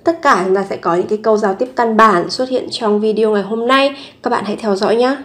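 A woman teaching a language lesson, explaining step by step and repeating each example sentence several times. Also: a little high.

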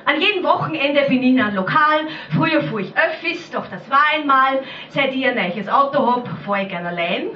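A woman's voice: high voice, expressive, a little fast, hardly any pauses, slight background noise. A woman with an Austrian accent reciting brash, mocking rhyming poetry at a slam. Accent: Austrian German. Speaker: slam poet. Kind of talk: rhyming dialect poetry performance. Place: small bar stage. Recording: echoey room, far-off mic, dull lo-fi sound.

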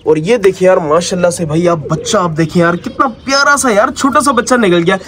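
A man with a high voice talks quickly over slight background noise, vlogging about his pet birds and rabbits. His casual narration is chatty and affectionate, peppered with "yaar" and "bhai," and he coaxes the pets softly.

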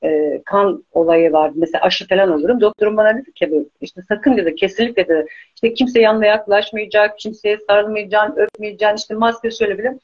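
Husky middle-aged woman pleading earnestly. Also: mid-range voice, brisk, lo-fi sound. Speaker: life coach guest. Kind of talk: casual heartfelt talk-show conversation.

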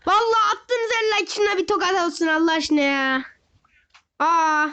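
A young gaming host giving excited gameplay commentary, often shouting and wailing as he talks straight to his viewers. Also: very high-pitched, moderate pace. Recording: dull lo-fi recording.

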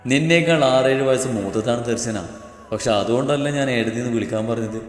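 A man voicing an affectionate, protective young husband, speaking gently and coaxingly. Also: mid-range voice, fast talker, a little hiss or hum, pitched below the performer's own voice, lightly acted. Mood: gently firm. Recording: echoey reverb with background music.

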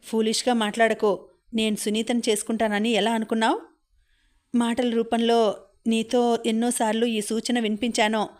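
A woman's voice: moderate pace, lightly acted. A woman reading as a tender young man pleading. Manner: soft, steady, low-keyed pleading.

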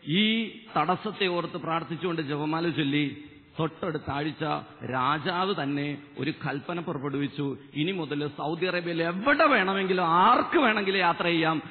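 A man's voice: on the high side, lively intonation, moderate pace. Impassioned man preaching in an echoey hall. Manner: impassioned, swings loud and soft, cries hallelujah. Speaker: lay preacher giving testimony. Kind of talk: fervent convention sermon. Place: large stage at a Bible convention. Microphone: stand microphone. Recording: echoey convention hall, tinny narrow broadcast.

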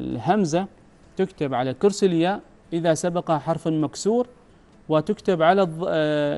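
A man's voice: fairly high pitch, a little mellow. A man with an Omani Arabic accent teaching a recorded grammar lesson, patiently repeating his questions to the student. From Oman.

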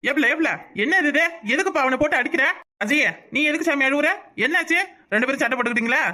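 A woman's voice: sits high, quick pace, sharp tone. A woman voicing a kindly old grandfather in a cartoon, fussing and making peace between squabbling boys. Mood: chiding. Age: older. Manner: fussing, peacemaking, rural Tamil speech. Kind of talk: cartoon voice acting.

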